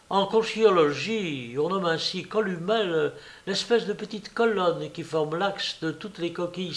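A young, earnest scholar in a storybook, lecturing with fussy precision in a fairly high voice, as a male narrator voices him. He spells out each learned term slowly. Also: fairly bright tone.

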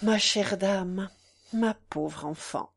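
A woman voicing a gentle, composed young nobleman. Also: mid-range voice, expressive, slow. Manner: gentle, soothing.

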